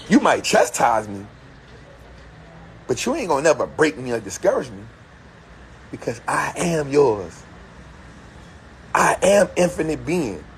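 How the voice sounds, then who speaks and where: Emphatic, preachy higher-voiced man. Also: gravelly, a little hiss or hum. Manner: repetitive, emphatic, preacher-like phrasing. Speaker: vlogger and motivational speaker. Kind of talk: casual motivational talk to camera.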